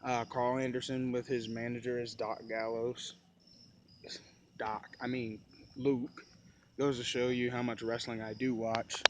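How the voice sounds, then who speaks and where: Man, casual vlog talk, rambling, lots of fillers, mid pitch, faint insect chirps behind. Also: little pitch movement, a little slow, background noise. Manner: loose, rambling, filler-heavy. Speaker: vlogger.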